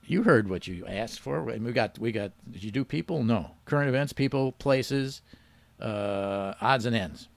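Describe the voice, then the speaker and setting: A man's voice: mid-range voice, expressive, normal speed, gravelly, no room sound. A man hosting a radio quiz show, teasing the caller with dry wisecracks. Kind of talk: joking quiz banter.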